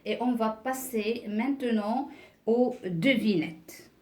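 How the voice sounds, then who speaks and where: Woman teacher going slow, lots of euh and look here, kinda far off from the mic. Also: fairly high pitch, a little mellow, roomy sound. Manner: slow, patient explaining with many "euh" and "regardez". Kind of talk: beginner French reading lesson.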